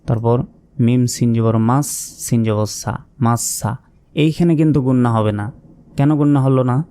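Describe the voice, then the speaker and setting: A patient male teacher with a Bangladeshi Bengali accent, spelling out syllables one at a time and asking the class rhetorical questions. His voice is mellow and dark, at an ordinary male pitch, and he talks at a steady classroom pace. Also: moderate pace, smooth. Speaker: Quran reading teacher. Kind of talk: slow spelling-out lesson.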